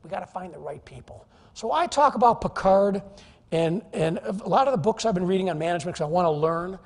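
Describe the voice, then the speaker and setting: Male keynote speaker, high and husky voice, jokey and animated, echoing conference hall. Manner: animated, jokey, teases the audience. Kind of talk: energetic, humorous business presentation. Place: large conference hall, live audience.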